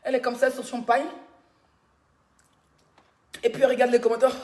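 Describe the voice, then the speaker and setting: A woman's voice: on the high side, flat delivery, a little slow, a little mellow. A woman blogger, giving teasing gossip commentary on a live stream and laughing often.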